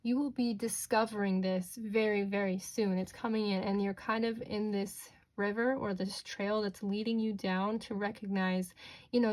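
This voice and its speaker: A woman with a mid-pitched voice gives an informal fortune teller reading of tarot and oracle cards. She talks directly to the listener in a reassuring, mystical way, often checking in as she goes. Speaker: tarot card reader, host.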